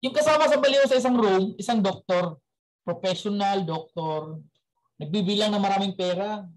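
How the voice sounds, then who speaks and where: A man's voice: high-pitched, normal speed, poor audio. Man, team meeting speaker, casual, chatty, storytelling, asks questions. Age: adult with young children. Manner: chatty, quizzes the audience. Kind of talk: casual motivational talk with a story.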